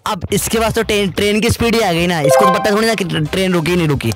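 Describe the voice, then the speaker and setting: A man's voice: high voice, fast, loud music behind the voice. A male physics teacher in playful quiz banter, teasing and insisting every question is simple.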